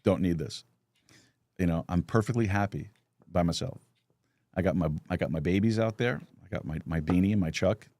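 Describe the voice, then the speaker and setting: Low-voiced man hosting a casual chat. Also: a little fast, darkish tone, no echo. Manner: storytelling with lots of restarts and chuckles. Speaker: podcast host.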